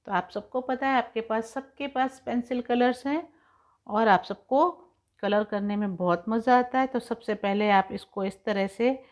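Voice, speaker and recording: A woman teaching young children in an online class lesson, explaining each point slowly and patiently. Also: medium pitch. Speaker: school teacher.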